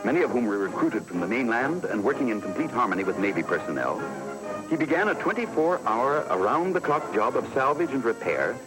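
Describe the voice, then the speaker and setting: A man's voice: mid-range voice, sing-song, fairly quick, over music, low-quality recording. Man narrating an old newsreel. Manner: emphatic, declamatory.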